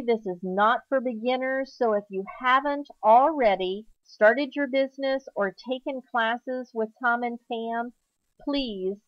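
Woman, conference announcement, slow deliberate delivery, occasional ums, muffled dry recording. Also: fairly high pitch, dry recording. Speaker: gift basket school owner announcing a conference. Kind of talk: slide-show promotional voice-over.

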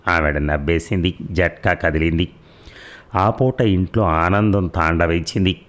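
A man narrating a serialized audio story in a steady, measured reading. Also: low voice. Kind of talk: read-aloud serial narration.

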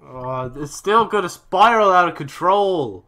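A man's voice: high-pitched, expressive, unhurried, sharp tone, soft background music. A young man commenting on a game as he plays, reacting in an exasperated way and swearing often while talking himself through his choices. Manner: talks to himself while choosing dialogue options. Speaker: gaming channel host. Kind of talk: let's-play commentary.

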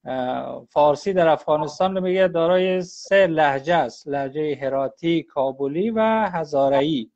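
A man, a guest scholar on a live online interview, explains at length in a halting way, often pausing on a drawn-out "uh". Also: on the high side, darkish tone. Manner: halting, with frequent drawn-out "uh" pauses. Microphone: phone or computer on a live video call. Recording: dull lo-fi livestream audio.

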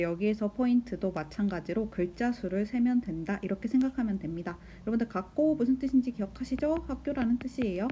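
A woman teacher giving a recorded lesson, patiently asking the class questions, answering them herself and counting beats aloud slowly. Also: medium pitch, warm tone, a little hiss or hum. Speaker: Japanese teacher. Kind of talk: recorded school lesson explanation.

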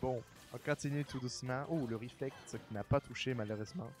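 A man from Quebec who speaks with a French accent, casually commentating a fighting game match in a relaxed, chatty way. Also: mid-range voice, faint music behind. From Quebec, Canada. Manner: relaxed, chatty, trailing pauses and filler. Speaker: esports commentator.

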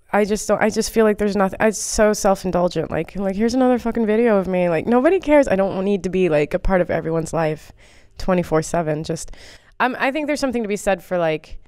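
A woman's voice: mid-range voice, darkish tone, clean tone, no room sound, studio quality. An American woman comedian chatting casually as an interview guest, rambling and self-deprecating with plenty of fillers. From United States.

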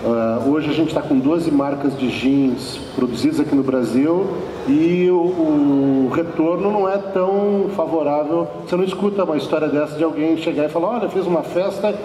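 A man's voice: a little high, moderate pace, dark tone, slight background noise. A man interviewing a guest on stage, prompting him with questions. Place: large conference hall, on stage. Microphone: handheld mic, far camera. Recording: roomy hall from far off.

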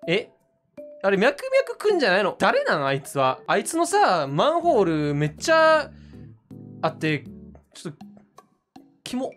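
A woman's voice: medium pitch, huge pitch swings, moderate pace, pauses often, faint music behind. A woman around thirty with a Kansai accent, chatting casually and playfully on a late-night stream. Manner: playful, jokey, breaks into silly voices.

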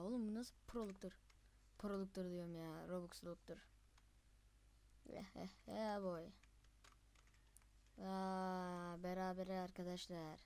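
Live gameplay gets lively, talkative narration from a young host with a medium-pitched voice. Quick, frustrated yelps break in often.

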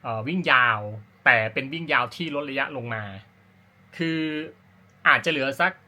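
Explaining his personal routine to camera, a man who runs an amateur running vlog speaks informally, wandering off track and fixing his own words. He talks at normal speed in a bright, forceful voice on the high side.

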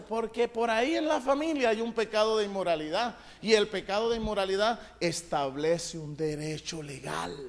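A male pastor preaching a fiery sermon, emphatic, calling on the congregation to answer back and rising to loud shouted peaks. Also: high voice. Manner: emphatic, calls for congregation responses.

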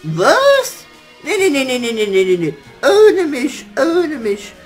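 A man's voice: very high voice, very animated, a little slow, full character voice. A cheeky raven servant in a puppet theater play grumbles and talks back, voiced by a man. His voice swoops all over the place with sassy whining. Faint music plays in the background. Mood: protesting. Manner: sassy, whiny and back-talking.

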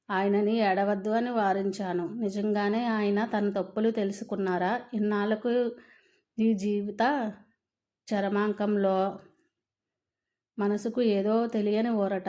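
A woman narrating a first-person family story in a steady, subdued reading. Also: medium pitch.

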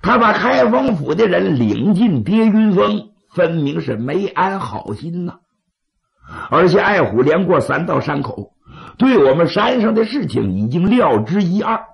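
A man, as a dramatic storyteller, voicing a scheming, vindictive bandit lieutenant, persuasive and gravelly. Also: high voice, sing-song, measured pace, voice pushed up, heavily acted. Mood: scheming, urging. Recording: slightly dull, lo-fi audio.

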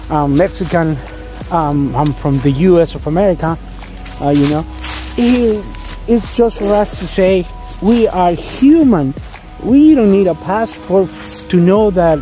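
A man in his fifties, a spiritual teacher, talking earnestly into a phone at arm's length outdoors in a wooded park, halting with many fillers and restarts. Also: sits high, mellow. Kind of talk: spiritual vlog monologue. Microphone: phone held at arm's length.

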